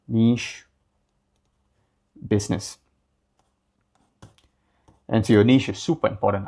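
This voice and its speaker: A young man from Singapore talks through business advice in a relaxed, conversational way, often padding his sentences with "like" and "um". His voice sits a little low. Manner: loose and conversational, many fillers like "like" and "um". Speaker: business coach. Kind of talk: casual talking-head advice.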